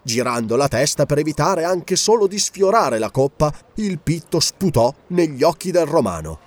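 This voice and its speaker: Expressive male audiobook narrator. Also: a little high, normal speed. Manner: expressive, grave storytelling.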